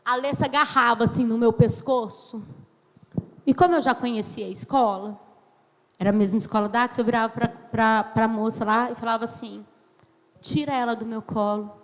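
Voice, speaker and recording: A woman in her thirties from Brazil preaching a sermon as a pastor, slow and emphatic, acting out dialogue as she tells stories. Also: fairly high pitch, steady tone. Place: church sanctuary. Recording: long church hall reverb.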